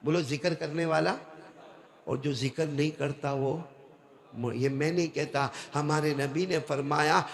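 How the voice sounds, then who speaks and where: A man preacher telling a story in a sermon to a gathering, swinging between shouted lines and low asides and calling on the crowd to respond. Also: steady tone, gravelly. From South Asia.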